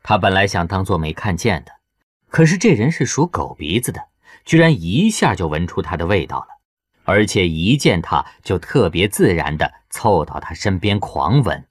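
A man reading an audiobook novel as its narrator, in a lively storytelling way. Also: deep voice, normal speed, dry recording, clean studio sound. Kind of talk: scripted narration.

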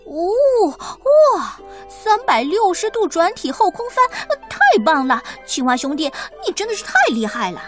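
A woman's voice: sits high, sing-song, unhurried, over music. A woman doing a cheerful little mouse boy. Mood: eager. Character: little male mouse, cheerful, thoughtful, short-legged.

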